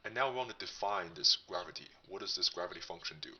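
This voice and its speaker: Man with very deep, voice-changed, husky voice. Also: expressive, fast, pushed and bright, distant mic, dull audio. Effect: voice changer, disguised deep voice. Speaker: tutorial host. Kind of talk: casual coding tutorial narration.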